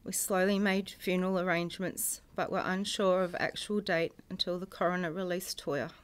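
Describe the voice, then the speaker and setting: A middle-aged woman, a bereaved mother reading a prepared personal statement in a solemn, measured way, in grief. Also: lowish voice, flat delivery. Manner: solemn, measured delivery in short phrases. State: grieving.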